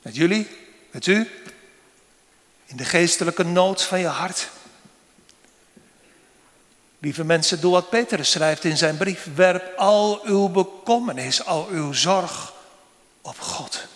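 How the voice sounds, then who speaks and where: A man preaches in a slow, measured cadence, leaving long pauses between phrases. His voice sits fairly high for a man. Long reverb from a large church hall trails after each phrase. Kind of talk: sermon.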